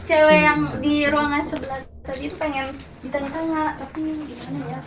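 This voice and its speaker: A woman chatting on a night ghost-hunting vlog, speaking in hesitant, halting phrases. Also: high-pitched, steady tone, a crowd in the background. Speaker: spirit-sensing guest on a ghost hunt. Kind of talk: casual night vlog chat. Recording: echoey, distant, noisy night recording. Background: crickets, insects, animal sounds.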